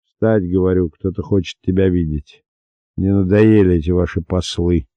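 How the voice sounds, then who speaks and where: A man voicing a gruff, impatient male prison guard who barks orders, on a dull, dry, lo-fi recording. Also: low voice, fairly even intonation, normal speed, dark tone, dry recording, close to an everyday voice. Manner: barking, impatient.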